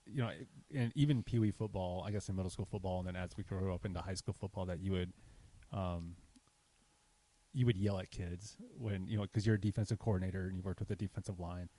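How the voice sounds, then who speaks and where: A man's voice: deep voice, fairly even intonation, warm tone, rough recording. A man hosting a podcast, recalling shared memories in a casual conversation. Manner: quick recollections with fillers. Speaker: podcast host.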